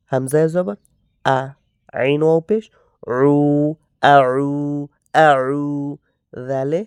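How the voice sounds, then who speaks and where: A Bangladeshi man teaching Quran reading, spelling out letters and vowel marks and repeating each word slowly in drills. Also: medium pitch, darkish tone, clear, resonant tone, no room sound, clean studio sound. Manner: slow, drawn-out drilling with repeated syllables.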